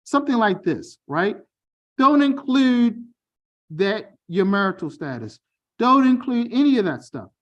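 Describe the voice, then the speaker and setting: A middle-aged Baltimore man with a high voice and wide pitch swings runs an online information session over a video call, speaking at a measured pace. His accent is mostly General American with a mild Baltimore tinge, and he talks directly and conversationally, often checking in with "okay?" and "all right?". The sound is lo-fi.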